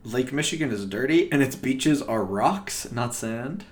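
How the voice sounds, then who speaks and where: A man's voice: mid-range voice, expressive, a little slow. A young man from Croatia, a student guest on a podcast, answering in casual chat with dry, self-deprecating humor and hesitant fillers. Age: young adult.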